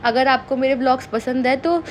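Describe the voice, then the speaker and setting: Chatty high-voiced young woman vlogger. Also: level tone, fairly quick, slight background noise. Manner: chatty, playfully complaining. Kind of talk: casual travel vlog voice-over.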